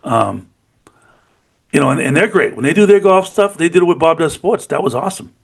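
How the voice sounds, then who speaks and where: A man's voice: a little high, expressive, fairly quick, creaky, breathy edge. A middle-aged man co-hosting a podcast, chatting casually and enthusiastically about golf, often saying "you know what I mean". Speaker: podcast co-host. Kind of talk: casual sports chat.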